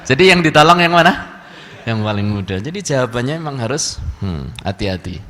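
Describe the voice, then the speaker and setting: This preacher's religious lecture, recorded in a mosque hall with long reverb and slight background noise, is humorous storytelling in which he acts out the people involved. His fairly bright, mid-range voice is very animated and a little fast.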